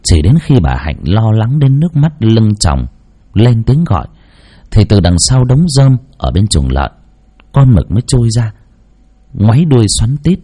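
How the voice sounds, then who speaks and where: A man narrating a heartfelt village story in slow, scripted storytelling. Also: lowish voice, big pitch swings, mellow.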